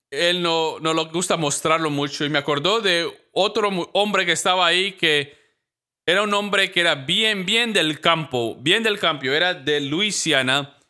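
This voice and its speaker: A pastor preaching a sermon in a lively storytelling manner, acting out the voices of the people in his stories. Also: a little high, clear, resonant tone.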